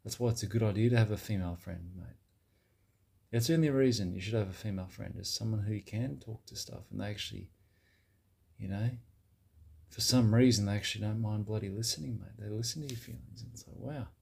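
A man playing a blokey Australian bro who gives dubious advice in a satirical monologue, with a husky, laddish way of talking. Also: fairly low pitch, brisk, darkish tone. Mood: matter-of-fact. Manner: laddish, drops "mate" and "bloody" constantly.

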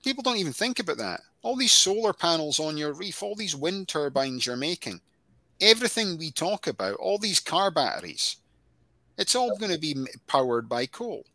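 A man co-hosting a casual chat, making his points emphatically as he builds them up in quick lists. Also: fairly high pitch, big pitch swings, bright, forceful tone, no room sound. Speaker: podcast co-host.

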